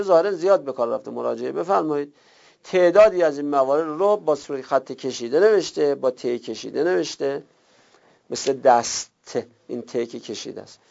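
A man with a gravelly, somewhat high voice teaches a recorded lesson. He works through each point step by step and goes over his examples more than once. The recording sounds dull and lo-fi. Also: darkish tone. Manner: explains step by step, repeating examples.

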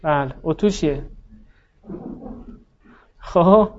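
Higher-voiced man teaching a grammar class, patient, quizzes students, dull lo-fi sound. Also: a little mellow. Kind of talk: classroom lesson, drilling students.

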